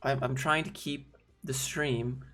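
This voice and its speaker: A man's voice: mid-range voice, fairly even intonation, slow pace, pushed and bright, faint music behind. A young man hosting a casual livestream, reviewing resumes in a blunt, laid-back way. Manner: blunt, laid-back, says "dude" a lot.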